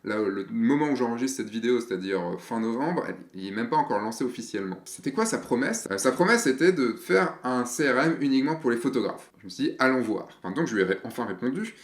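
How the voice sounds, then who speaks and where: A man in his thirties hosts a casual explainer video for fellow photographers. He talks in a chatty, rambling way, full of fillers and restarts. His mid-pitched voice rings with the echo of a bare room. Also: animated, quick pace, hardly any pauses.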